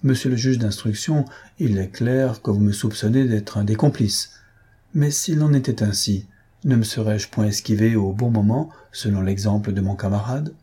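Brief: male narrator doing a smart, unflappable young student, soft and polite, warm husky tone. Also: on the low side, moderate pace. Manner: soft-spoken, infinitely polite. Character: polite, clever teenage schoolboy posing as reporter. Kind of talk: audiobook character reading.

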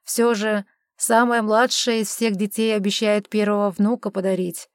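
A woman voicing a lazy, charming duke in an audiobook, talking in a calm, coaxing way. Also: medium pitch, slow, gravelly, dry recording, studio quality. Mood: coaxing, teasing. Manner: coaxing, placid. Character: lazy, charming middle-aged male duke. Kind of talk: audiobook character reading.

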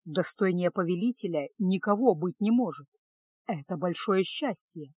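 A woman voicing a calm, unbending high priestess who speaks softly, low and firm, in a storybook reading. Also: normal speed, breathy edge, dry recording.

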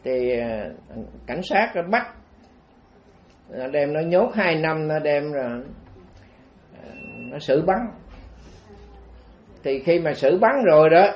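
A man's voice: on the high side, lively intonation, slow, pauses often, slight background noise. A man with a Southern Vietnamese accent, a Buddhist monk telling a story in a dharma talk, chatty and full of fillers, on a dull lo-fi recording. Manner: chatty, meandering, frequent fillers.

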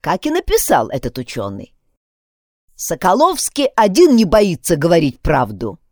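A woman's voice: lowish voice, huge pitch swings, normal speed, darkish tone, no room sound, studio quality. A woman voicing a grieving, angry old village grandmother who pleads shrilly and tearfully. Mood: insistent.

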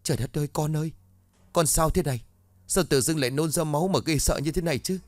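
A man's voice: fairly low pitch, animated, fairly quick, dry recording, faint music behind, close to an everyday voice. A man voicing a frantic middle-aged mother, terrified for her son, in a spoken ghost story. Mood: panicked pleading. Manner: rising pleading cries.

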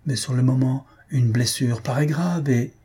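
A man voicing a practical, coaxing middle-aged mother in an audiobook, with a husky, dark voice. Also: medium pitch, moderate pace, pitched above the performer's own voice. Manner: coaxing, matter-of-fact.

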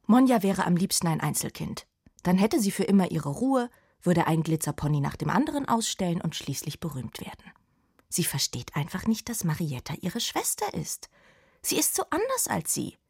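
A woman's voice: lowish voice, vocal fry, darkish tone, husky. A woman narrating a children's storybook expressively in a studio.

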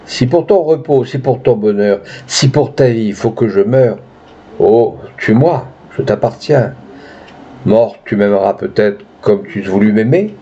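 A man reading the lines of a tender, devoted young wife in a storybook reading, his voice soft and pleading. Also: on the low side, animated, unhurried, husky, muffled recording.

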